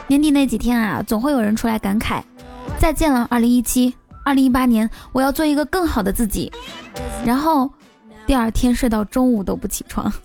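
A woman hosts a comic monologue and tells jokes in a playful, teasing way. Her voice sits a little high. Soft music plays behind her. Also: a little fast, gravelly. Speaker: host.

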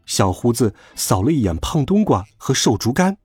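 Male storybook narrator, husky, highly animated delivery. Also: moderate pace, soft background music. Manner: lively, expressive reading.

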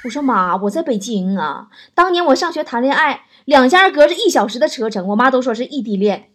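A woman's voice: sits high, big pitch swings, brisk, background noise. A woman hosting a show, reading out listener messages and adding playful, teasing comments. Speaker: host.

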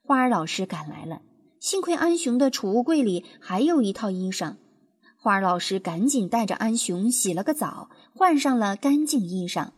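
A woman narrating a children's storybook in an expressive, lively storytelling manner. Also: medium pitch, normal speed, breathy edge. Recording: music playing behind.

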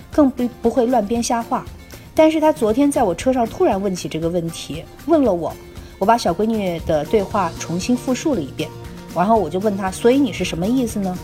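A woman's voice: mid-range voice, warm tone. Woman reading a listener letter. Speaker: podcast co-host.

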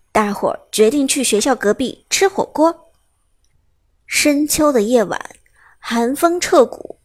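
A woman reading a novel aloud in steady, scripted storytelling narration. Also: a little high, no room sound. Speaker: audiobook narrator.

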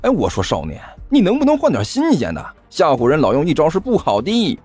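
A man's voice: on the high side, huge pitch swings, brisk, a little mellow, husky, faint music behind, pitched above the performer's own voice, full character voice. A man voicing a short-tempered, cocky young man who fires off brash retorts and stammers when scared. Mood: mocking.

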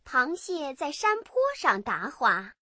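A woman narrating a bedtime story for children in an expressive, animated way. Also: high-pitched, slow pace, dry recording.

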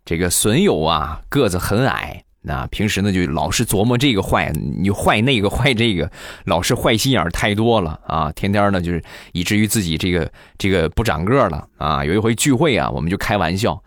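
Animated, teasing joke-telling man. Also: deep voice, a little fast, hardly any pauses, no echo, studio quality. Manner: teasing, animated, acts out quotes. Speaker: comedy podcast host. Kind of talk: joke storytelling.

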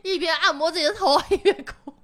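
A woman's voice: very high-pitched, fast, a bit bright. A woman comedian in a casual podcast chat, telling candid stories and often laughing. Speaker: stand-up comedian guest.

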